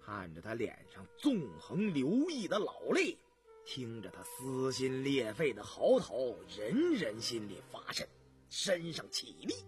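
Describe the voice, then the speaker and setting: A man narrating a historical novel in dramatic storytelling style, moving between hushed and emphatic delivery. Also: mid-range voice, wildly swooping pitch, unhurried, soft background music.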